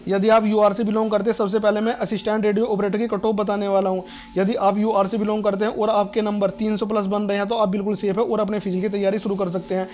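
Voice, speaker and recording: Speaking fast in a high voice held to a narrow, even pitch, a North Indian man gives students informal explanations like an online exam-advice host. He repeats himself, reassures them, and poses questions only to answer them himself.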